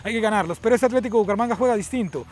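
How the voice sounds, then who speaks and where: A man's voice: high-pitched, racing. A Colombian man co-hosting a football discussion outdoors, often repeating words and phrases as he analyses. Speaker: sports show co-host and analyst. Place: outdoors at night. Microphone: lapel mic, speaking through face mask.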